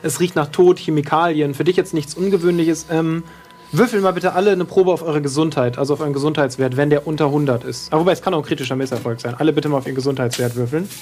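A man's voice: a little high, fast, darkish tone, faint music behind. A man narrating a tabletop game as game master, hesitant, with fillers.

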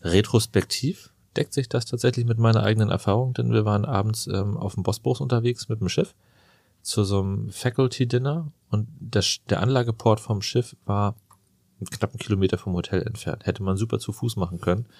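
A man's voice: fairly low pitch, a little fast, vocal fry, a little mellow, dry recording, studio quality. A man hosting a casual podcast interview, chatty and joking, telling anecdotes with gusto. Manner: jokey, chatty storyteller. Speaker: podcast host and plastic surgeon.

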